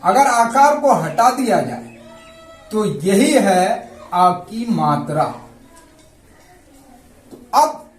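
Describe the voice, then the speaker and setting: Slow, lively-pitched man teaching. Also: reverberant, soft background music. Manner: patient, repeats and spells out sounds. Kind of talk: slow explanatory lesson.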